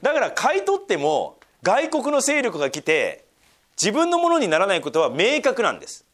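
A man preaching a sermon, reading scripture aloud and then explaining it with lively asides. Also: sits high, moderate pace. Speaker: pastor.

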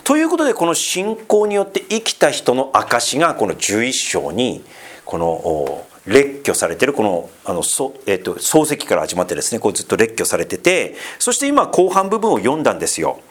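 With a mid-range voice that swings hugely in pitch, this pastor speaks at a normal speed through a relaxed, conversational sermon. He chats along, scattering fillers and side remarks, quizzing the congregation and poking fun at them.

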